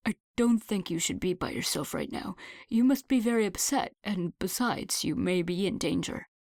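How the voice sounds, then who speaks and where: A woman reading the lines of a calm, protective man who speaks carefully and soothingly. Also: mid-range voice, normal speed, no echo, studio quality, lightly acted. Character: calm, protective man, police officer type.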